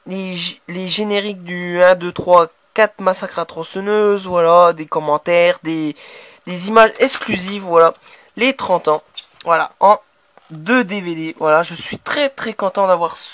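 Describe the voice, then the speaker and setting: A man's voice: sits high, a bit bright, dry recording. A man with a French accent chatting casually about horror DVDs he bought, stumbling over words and sounding enthusiastic. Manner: hesitant, many restarts and fillers, enthusiastic. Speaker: horror DVD collector showing his purchases. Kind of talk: casual unboxing chat.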